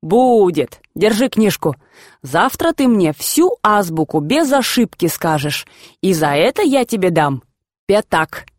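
A woman voicing a gruff, excitable old grandfather in a storybook reading. He shouts, teases and banters in rough folk speech. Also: medium pitch, unhurried, no echo, clean studio sound. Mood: brisk.

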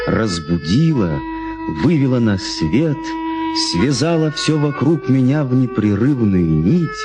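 A man narrating a literary memoir, reflectively recalling his childhood. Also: medium pitch. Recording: music behind voice.

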